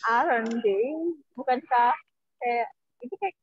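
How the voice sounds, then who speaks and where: A woman's voice: a little high, slow, breathy edge. Hesitant female student on a tinny line. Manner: asks hesitant questions. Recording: tinny phone-like call line.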